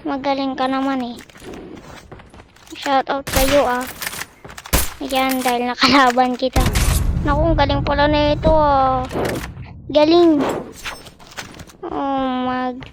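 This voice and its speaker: High-voiced gamer over loud gunfire. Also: noisy background. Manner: chatty, repeats exclamations while playing. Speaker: gaming streamer. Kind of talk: casual gameplay commentary. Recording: loud game gunfire behind the voice.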